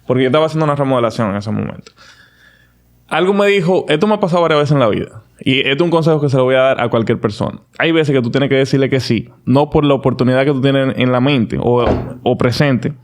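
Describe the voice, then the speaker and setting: A man, a podcast guest telling his story in a casual, animated, confident way with frequent restarts. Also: mid-range voice, quick pace.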